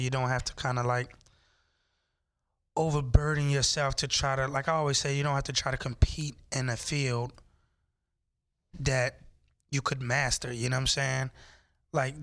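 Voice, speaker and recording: A man's voice: medium pitch, a bit bright. A man co-hosting a casual podcast, laid back and teasing, often saying "you know what I'm saying.". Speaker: podcast co-host. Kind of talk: casual chat.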